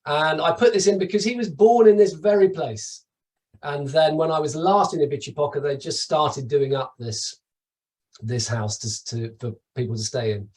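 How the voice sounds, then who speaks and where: A man's voice: fairly high pitch, moderate pace, darkish tone, far from the mic, poor audio. A middle-aged man from the UK giving a chatty, enthusiastic webinar presentation over slides, with asides and restarts. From United Kingdom. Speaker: travel company presenter.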